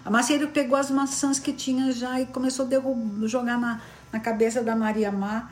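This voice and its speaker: A woman tells a fairy tale in a casual, rambling way, repeating phrases and tossing in little tag questions. Her voice sits fairly high. The room has a noticeable echo. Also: level tone, moderate pace, slight background noise. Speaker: storyteller. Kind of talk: casual oral storytelling. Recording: echoey room.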